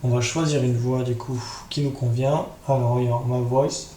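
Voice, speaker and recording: Measured in pace and steady in tone, this man's mid-range voice guides a casual screen tutorial as he improvises, thinks aloud and often uses tag questions. There is a roomy echo and faint noise in the background.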